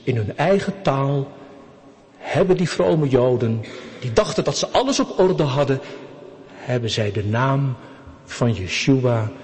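A man's voice: mid-range voice, darkish tone. A man preaching a sermon to his congregation, asking them questions as he goes. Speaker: pastor. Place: church. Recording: long reverb of a church hall.

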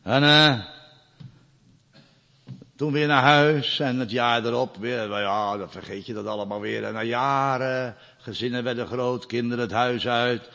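A man preaching a sermon, growing loud and emphatic when he recites scripture and dropping to quiet storytelling asides. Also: mid-range voice, fairly even intonation, unhurried, gravelly, in a large hall.

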